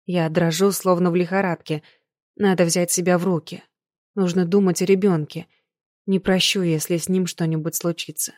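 A woman reading a novel aloud in a measured, dramatic way. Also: on the low side, level tone, a little mellow, no room sound, studio quality. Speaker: audiobook reader. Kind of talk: scripted narration.

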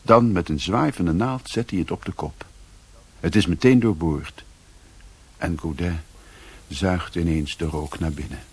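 Low-pitched, husky, and exaggerated, this man's voice belongs to an actor playing a European drifter who narrates his own story in a radio play. The first-person narration is literary, slow, and introspective, with a brooding, detached mood.

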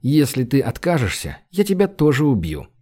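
A man voicing a calm, coldly ruthless male shaman who speaks with dry, unhurried menace. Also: mid-range voice.

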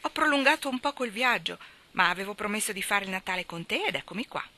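A woman reading aloud and voicing a lively, eager young woman who speaks in bright, excited exclamations. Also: medium pitch, fast.

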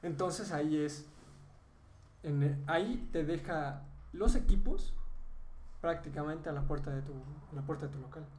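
Mexican male podcast co-host, chatty and explanatory, animated pitch jumps, echoey room. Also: unhurried, recorded from a distance. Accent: Mexican Spanish. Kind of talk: casual chat. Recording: echoey room, faint ambient noise.

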